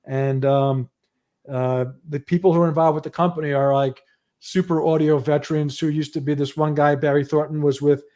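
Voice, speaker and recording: A man's voice: a little high, level tone, normal speed, warm tone. A man hosting a livestream show, giving audio news in a loose, rambling casual chat.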